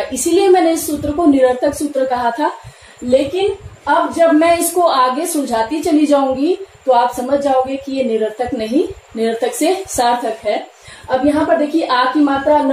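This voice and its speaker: A woman teaching Sanskrit grammar step by step, patiently repeating the key terms. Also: high voice. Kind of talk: classroom lesson explaining grammar. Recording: echoey room, faint background noise.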